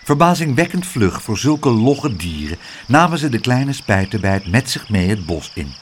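A man reading a children's storybook aloud in a lively, expressive way. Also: mid-range voice, moderate pace, slight background noise.

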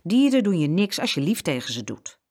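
A woman voicing a kindly old male farmer in a storybook reading, calmly instructing. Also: lowish voice, brisk.

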